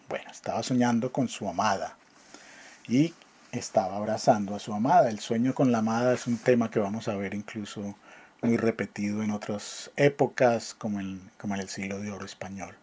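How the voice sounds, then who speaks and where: Husky, mellow-voiced male professor explaining. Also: fairly low pitch. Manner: explanatory, with frequent fillers and restarts. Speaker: literature professor. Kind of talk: online class lecture.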